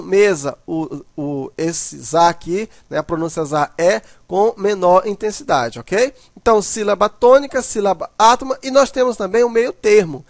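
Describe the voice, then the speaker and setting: A man's voice: sits high, no room sound, clean studio sound. A man teaching a grammar lesson, explaining step by step and often checking in with "né".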